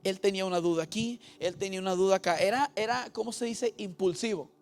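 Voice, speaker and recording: A man's voice: high-pitched, fast talker. A Mexican man preaching a bilingual sermon as pastor, going back and forth between Spanish and English and asking his congregation questions. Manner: switches between Spanish and English, repeating each point; asks the congregation questions and has them repeat.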